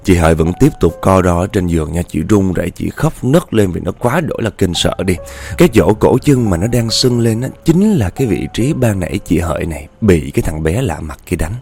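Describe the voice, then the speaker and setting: A man's voice: low-pitched, expressive, brisk, a little mellow, soft background music. A man narrating a ghost story in a chatty way, often speaking straight to his listeners. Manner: chatty, addresses listeners directly.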